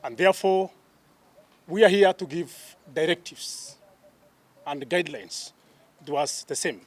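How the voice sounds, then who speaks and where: A man with a Kenyan accent, a police spokesman reading a formal statement in a deliberate, emphatic way. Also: fairly high pitch. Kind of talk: official press statement.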